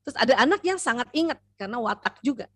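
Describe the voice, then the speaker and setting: Lively woman giving a seminar lecture. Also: a little high, fast talker, husky, dry recording. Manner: lively, acts out parent and child voices; addresses the audience directly with frequent "ya". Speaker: seminar speaker, doctor.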